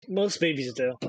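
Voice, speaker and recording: A male streamer chatting live over a game, teasing and mocking another player with frequent laughs. His voice sits a bit high and sounds dry and close to the mic. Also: breathy edge, dry recording, poor audio. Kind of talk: live-streamed gaming chat.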